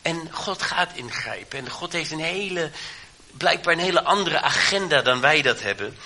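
Bright-voiced man preaching with fervent cries. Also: lively intonation, normal speed. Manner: emphatic cries with rising pitch; fillers and restarts while preaching. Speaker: pastor. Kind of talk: sermon.

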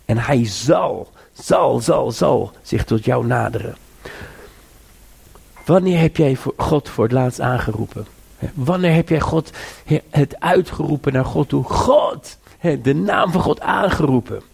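Male preacher, husky gravelly voice, earnest repeated appeals, sermon delivery. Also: expressive, measured pace, a little mellow. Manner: earnest exhortation, repeats and rises in pitch to urge listeners.

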